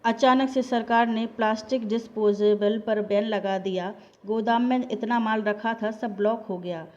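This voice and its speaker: A woman's voice: a little high, steady tone, brisk, warm tone, highs cut off, natural voice. A woman voicing a young husband who speaks bluntly and in exasperation to his mother and wife. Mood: despairing.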